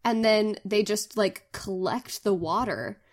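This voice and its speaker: A woman's voice: medium pitch, slow. Playful giggly woman guest. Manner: playful, giggly, builds on ideas. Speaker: guest podcast host. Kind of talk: casual worldbuilding chat.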